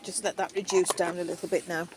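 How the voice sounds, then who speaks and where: A woman's voice: fairly low pitch, flat delivery, quick pace, noisy background. A woman chatting casually to camera as she cooks in a heated tent, thinking aloud as she goes. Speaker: camping cooking vlogger. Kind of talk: casual cooking chat to camera. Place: inside a heated stove tent.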